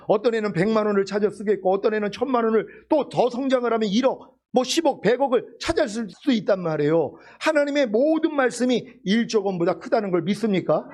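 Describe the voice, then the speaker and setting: A pastor preaching a sermon, emphatic and full of rhetorical questions. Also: male voice, high voice, darkish tone.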